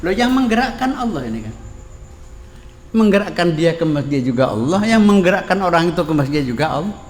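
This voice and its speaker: A man's voice: sits high, very animated, a little fast. A man preaching, telling a story, repeating phrases and quoting Arabic, recorded in a reverberant hall with faint background noise. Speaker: Islamic preacher. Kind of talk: sermon on a classical text.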